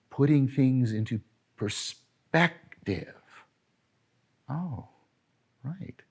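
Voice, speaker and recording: A middle-aged man giving a philosophy lecture, animated and emphatic, often correcting himself and asking rhetorical questions. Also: medium pitch.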